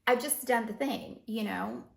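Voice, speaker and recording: Woman host, loose chatty talk, slightly gravelly, roomy office sound. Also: on the high side, measured pace. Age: adult with teenage daughter. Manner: rambling, chatty, laughs often. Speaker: podcast host. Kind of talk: unscripted casual monologue. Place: home office with windows.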